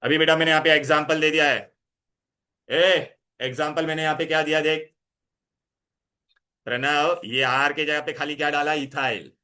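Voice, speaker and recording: A male chemistry teacher in a classroom, his voice bright and forceful and pitched a little high. He keeps firing questions at his students, coaxing answers and mixing English terms into his talk. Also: fairly even intonation, moderate pace, pauses often. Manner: mixes Hindi with English terms. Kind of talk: classroom lecture.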